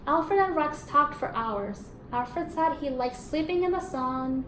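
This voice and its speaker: A teacher with a high-pitched, somewhat bright, animated voice reads a storybook to young pupils at a slightly slow pace. She reads expressively, asking questions and affirming the answers. A roomy echo and faint background noise come through.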